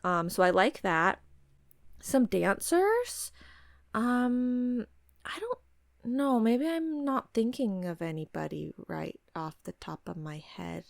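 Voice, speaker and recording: Creaky-voiced woman, halting casual podcast chat. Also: fairly high pitch, very animated, no echo, clean studio sound. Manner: halting, choosing words carefully and talking around them. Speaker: podcast host. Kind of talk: casual podcast chat during a word game.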